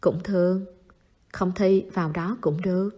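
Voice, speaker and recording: A woman reading the part of a calm, reserved teenage boy who talks low-key and teases dryly. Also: unhurried, dull audio.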